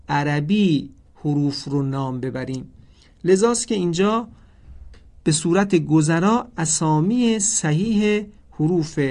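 A man teaching a Quran recitation lesson, speaking formally and slowly spelling out the names of the letters one by one. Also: a little high, darkish tone. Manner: slow, deliberate, stresses each letter; formal, addresses listeners politely.

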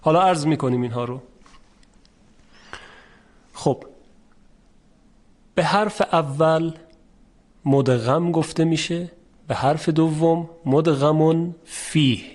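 A man teaching a lesson on recitation rules, patiently explaining step by step and repeating each example slowly. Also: a little high, a little mellow. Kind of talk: formal spoken lesson.

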